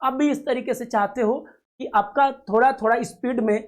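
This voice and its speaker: A man's voice: extremely high pitch, fairly even intonation, moderate pace. A man teaching a reasoning lesson to students for a coaching video. He talks confidently, promises results and often checks whether the class has understood. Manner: coaxing, asks "clear?" often, calls students dear children.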